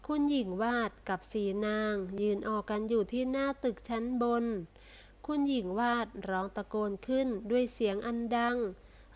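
A woman narrating a comic novel aloud in a steady, even storytelling voice. Her pitch sits a little high, and she keeps an unhurried, clear reading pace. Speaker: story reader.

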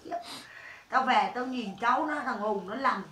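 A woman's voice: on the high side, moderate pace, pushed and bright. A woman spirit medium speaking bluntly and coarsely during a séance, scolding the family. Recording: echoey room, mic far off.

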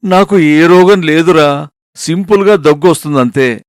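A man's voice: a little high, a little slow, no room sound, close to an everyday voice. Whiny ailing husband, dry close sound, read by a male storyteller. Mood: exasperated. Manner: whining, complaining. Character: sick, grumbling middle-aged husband.

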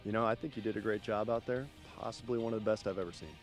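A man race driver chatting casually outdoors at a track, relaxed and friendly. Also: fairly low pitch, very fast, faint music behind. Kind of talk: casual chat.

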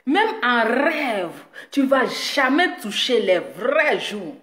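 A woman talking straight to her viewers in a boastful, mocking rant, teasing her critic with drawn-out words and frequent laughs. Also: on the high side, big pitch swings, fairly bright tone. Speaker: video blogger addressing her audience. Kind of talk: boastful direct-to-camera rant. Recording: echoey room.

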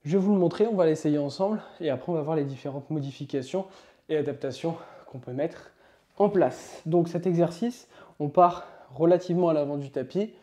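Man, yoga teacher, upbeat and coaching, mellow tone, slightly high voice. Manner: upbeat, coaching, counts slowly while demonstrating. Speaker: yoga instructor. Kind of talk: instructional demonstration.

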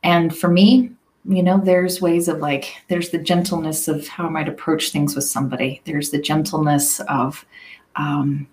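A middle-aged woman coach talks straight to her viewers in a relaxed, motivational way. She is expressive and enthusiastic and keeps tagging her points with a quick "right?". Her voice sits a little on the low side. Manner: enthusiastic and expressive, often stops to ask "right?". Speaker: leadership coach and trainer. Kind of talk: casual motivational talk to camera.

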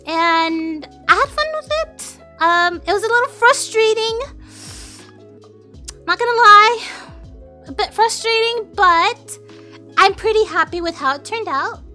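Young woman, cute anime-streamer manner, extremely high girlish voice, unhurried pace, giggly and expressive, casual livestream chat. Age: young adult. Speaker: live streamer. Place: home kitchen, indoors. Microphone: close studio mic on a boom arm. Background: music.

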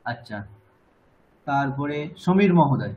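A man teaching a language class online with a Bengali accent, patiently correcting students and slowly repeating words. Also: medium pitch, animated, muffled recording, background noise.

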